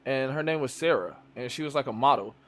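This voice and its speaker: A man from Chicago hosting a live stream, chatting casually in a loose, profane, animated way. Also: medium pitch, fast talker. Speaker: streamer host. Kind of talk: casual chat.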